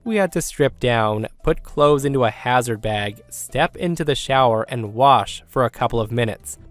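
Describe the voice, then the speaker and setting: A man narrates a scripted first-person story in a steady voice of middle pitch. Faint music plays underneath throughout. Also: normal speed.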